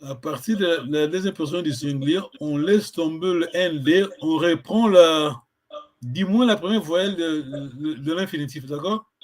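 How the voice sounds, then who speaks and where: A man gives a language lesson in a slightly raised voice. He talks slowly and patiently. He repeats each word carefully so his student can follow. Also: a little high. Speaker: language teacher.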